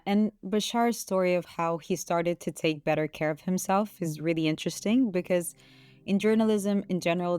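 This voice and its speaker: A woman co-hosting a podcast, speaking in a calm, measured way. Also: fairly low pitch, smooth. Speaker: podcast co-host. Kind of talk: reflective podcast conversation.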